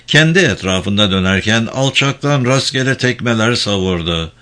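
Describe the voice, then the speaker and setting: A man narrating a thriller audiobook in a steady, measured reading voice. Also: mid-range voice. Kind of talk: scripted narration.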